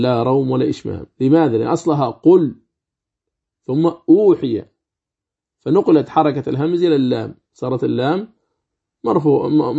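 A man teaching the rules of Quran recitation, asking and answering his own questions and slowly demonstrating words. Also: fairly high pitch, vocal fry, warm tone, slightly rough, muffled recording. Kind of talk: religious lesson commentary.

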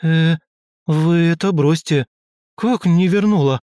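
A man voicing a loud, indignant warrior catwoman, a former matriarch, in an audiobook. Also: on the high side, slow pace, dry recording, studio quality, voice pushed up.

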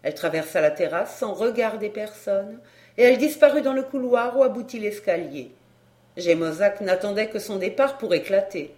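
A woman reading a classic detective novel aloud in a measured storytelling manner. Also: medium pitch, expressive, darkish tone. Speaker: audiobook narrator. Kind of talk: scripted narration. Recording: roomy echo.

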